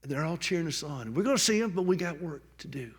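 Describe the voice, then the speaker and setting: A man's voice: on the high side, animated, fast, a bit bright, breathy edge. A man speaking on stage at a book launch, giving a heartfelt tribute that moves between jokes and tender remembrance, often restarting his words. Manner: jokey then tender, repeats and restarts words. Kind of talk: heartfelt public tribute speech. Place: on stage at a public event.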